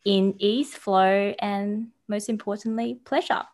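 A woman in her thirties from Taiwan with an Australian-tinged accent, chatting as a podcast guest in a bubbly, animated way. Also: medium pitch, takes it slowly. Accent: New Zealand and Australian. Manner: bubbly and animated, acting out quoted voices. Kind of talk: casual interview chat.

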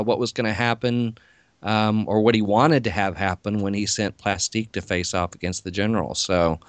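A man co-hosting a podcast in relaxed, chatty talk. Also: on the low side, no room sound. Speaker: podcast co-host. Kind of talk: casual chat.

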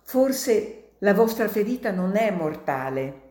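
A woman voicing a brave, loyal young male villager who speaks in urgent, loud exclamations, read aloud as a storybook. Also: mid-range voice, big pitch swings, slow pace, roomy sound, pitched above the performer's own voice. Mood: earnest.

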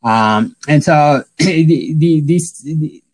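A middle-aged epidemiologist from South Sudan appears as an interview guest, answering haltingly with many fillers and restarts. His voice is fairly high with a darkish tone. The recording is low quality but has no echo.

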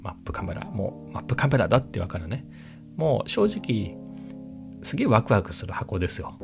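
A man with a low, gravelly voice talks casually in a rambling vlog, now and then sinking into a hushed near-whisper. Clear guitar music plays behind him the whole time. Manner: rambling, chatty, sometimes drops to a hushed low voice. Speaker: camera vlogger. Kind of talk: casual chat. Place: at home with family in next room.

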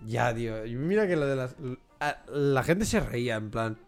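A man's voice: medium pitch, lively intonation, moderate pace, smooth, soft background music. A man co-hosting a casual podcast chat, tossing in jokes and quips. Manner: joking interjections, laughs often. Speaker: podcast co-host.

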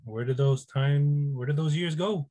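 A man in his twenties co-hosting a podcast, relaxed, wry and blunt in casual chat. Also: on the high side, a little slow, dry recording. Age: 20s. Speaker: podcast co-host.

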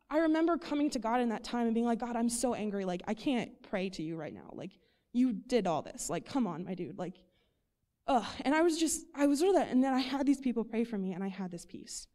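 A woman's voice: a little high, warm tone. Casual young woman giving a devotional talk. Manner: chatty, lots of "like", reads scripture aloud.

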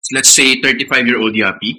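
A man's voice: mid-range voice, fairly even intonation, normal speed, bright, forceful tone, slight background noise, low-quality recording. A man co-hosting a casual chat podcast, joking and teasing, laughing often. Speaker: podcast co-host.

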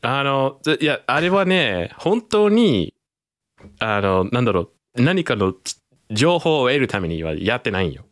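A man's voice: medium pitch, very animated, a little slow, a bit bright, no room sound, clean studio sound. A man co-hosting a podcast, chatting casually and explaining at length, with frequent laughs. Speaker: podcast co-host. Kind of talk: casual chat.

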